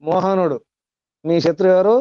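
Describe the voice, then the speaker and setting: A male spiritual teacher gives a discourse to a class, repeating his points, chanting Sanskrit verses and questioning his listeners. His voice is high with fairly flat intonation at a normal pace, and the audio is dull with no room sound.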